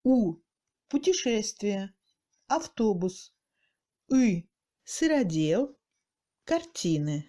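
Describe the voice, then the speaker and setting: Russian-accented lady teacher, slow and careful, kinda mellow darkish tone. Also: on the high side. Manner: slow, careful, articulating example words one by one. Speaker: language teacher. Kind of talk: scripted pronunciation lesson.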